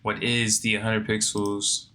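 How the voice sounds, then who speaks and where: A man's voice: lowish voice, flat delivery, takes it slowly, background noise. A man working through a coding lesson, reading the text aloud and then puzzling over it in a sleepy, think-aloud way. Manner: reads lesson text aloud, then muses and questions himself. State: sleepy, yawning. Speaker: coding learner.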